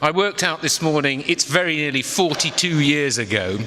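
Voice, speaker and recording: A man in his sixties addresses an event in a reverberant hall. His voice is bright and fairly high for a man, and his official speech is conversational and dryly humorous. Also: lively intonation, a little hiss or hum. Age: 60s. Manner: wry, conversational, with pauses for effect. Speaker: Council of Europe official, guest speaker. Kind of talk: ceremonial speech with wry humour. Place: large echoing hall at an evening event.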